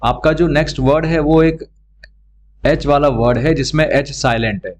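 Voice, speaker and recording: A male grammar teacher, teaching a lesson slowly, repeating each sound and answering his own questions. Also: on the high side. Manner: slow, repeats and drills words and sounds, asks questions and answers them himself. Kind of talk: classroom lesson explaining grammar.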